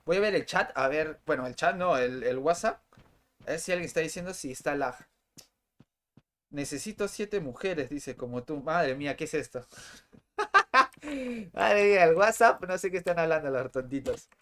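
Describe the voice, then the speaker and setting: Chatty game streamer. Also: male voice, a little high, lively intonation, normal speed, a bit bright. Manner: chatty, exclamatory, repeats himself. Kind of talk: live gameplay commentary.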